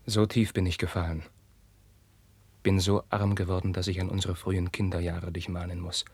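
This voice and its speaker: An actor playing an anguished young prince, declaiming verse in a 1950s radio drama and swinging from hushed whispers to outbursts. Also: male voice, sits low, little pitch movement, moderate pace, slightly rough, dry recording. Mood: brooding. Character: young anguished prince, passionate, tormented by forbidden love.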